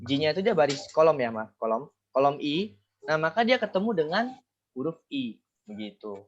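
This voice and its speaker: A man's voice: on the high side, big pitch swings, normal speed, highs cut off. A man teaching a Japanese class online, explaining step by step and often correcting himself.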